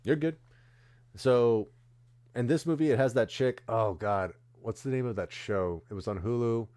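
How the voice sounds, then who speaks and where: A man's voice: mid-range voice, normal speed, darkish tone. Rambling male streamer chatting about movies. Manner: rambling, searches for names mid-sentence. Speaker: streamer co-host. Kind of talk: casual chat.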